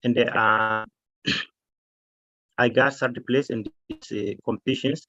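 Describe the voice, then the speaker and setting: A man from Ethiopia giving a technical presentation of his solution, halting with fillers and restarts. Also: medium pitch, fairly even intonation, pushed and bright, no echo. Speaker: challenge presenter. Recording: dull lo-fi call audio.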